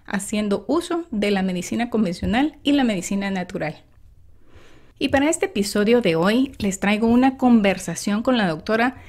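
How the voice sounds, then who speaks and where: A woman hosting a health and wellness podcast, reading her introduction in a clear, steady way. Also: a little high. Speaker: podcast host. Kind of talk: scripted podcast narration.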